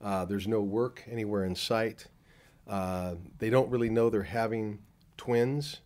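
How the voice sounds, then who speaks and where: An older film producer answers interview questions at a convention, standing in a room before a poster wall and speaking into a handheld mic held by the interviewer. His voice is lowish, steady and darkish, unhurried, with many fillers and restarts.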